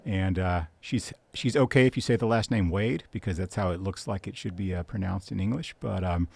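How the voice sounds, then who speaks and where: A man hosting an interview podcast, talking in a relaxed conversational way with frequent filler pauses. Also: lowish voice, gravelly, breathy edge. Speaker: podcast host.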